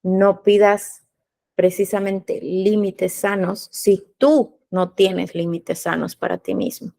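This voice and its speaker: A woman's voice: on the low side, vocal fry, a little mellow. A woman hosting a podcast interview, explaining her points in a teaching way and answering her own rhetorical questions. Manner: didactic, asks rhetorical questions and answers them. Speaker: podcast host.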